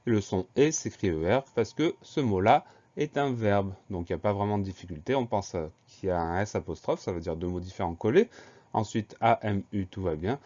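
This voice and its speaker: Male teacher, lowish voice, patient and methodical, walking children through spellings; dull, lo-fi recording. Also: warm tone. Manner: slow, patient, spells words letter by letter.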